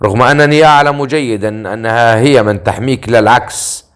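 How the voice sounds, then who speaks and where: A man voicing a stern, icy male warrior who speaks flatly and threatens coldly. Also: medium pitch, fairly quick, clean tone, lightly acted.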